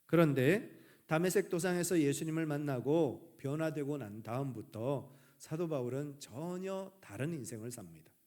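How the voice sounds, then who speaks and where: A male pastor from the Gyeongsang region preaching a sermon earnestly, letting his sentence endings fall soft and quiet. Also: on the high side, moderate pace. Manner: earnest, trailing off softly at sentence ends.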